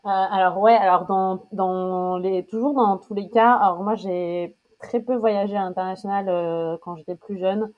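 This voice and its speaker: A woman's voice: medium pitch, steady tone, unhurried, few pauses. A woman in her thirties, from France, being interviewed. She talks casually, with many hesitations and frequent laughter. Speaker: interview guest. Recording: dull lo-fi sound.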